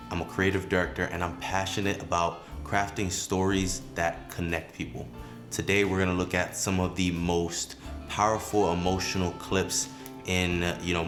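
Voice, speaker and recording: A man, a creative director, explaining storytelling tips in a relaxed, casual way, with frequent "you know" and "um" fillers. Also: sits low. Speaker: creative director and video host. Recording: echoey room with music underneath.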